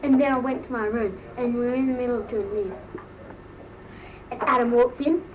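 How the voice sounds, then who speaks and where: In a noisy amateur recording from a distant mic, a woman with a fairly high voice does a lightly acted, moderately paced comic impression of a bratty, gossipy Australian teenage schoolgirl "mole." She tells embarrassed, slangy stories in a breathless drawl, gossiping with mortification.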